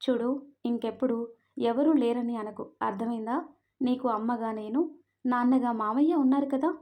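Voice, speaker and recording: A woman voicing a caring middle-aged mother-in-law who scolds gently and with affection. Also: fairly high pitch, fairly even intonation, normal speed, lightly acted. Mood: consoling.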